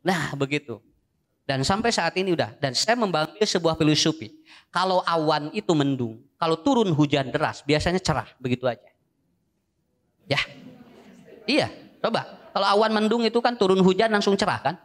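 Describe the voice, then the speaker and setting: High-voiced Sundanese preacher, joking. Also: male voice, expressive, moderate pace, long pauses. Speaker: Islamic preacher. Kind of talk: sermon.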